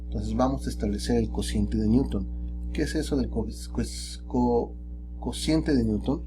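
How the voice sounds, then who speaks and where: A man teaching calculus in a relaxed, chatty way, often tagging his sentences with rhetorical questions. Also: medium pitch, moderate pace, music in the background. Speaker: math teacher. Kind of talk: recorded screen lesson.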